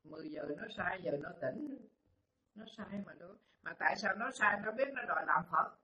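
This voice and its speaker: A man voicing a calm, wise spiritual teacher. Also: sits high, normal speed, far from the mic, a crowd in the background. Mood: reasoning. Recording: roomy, dull lo-fi recording.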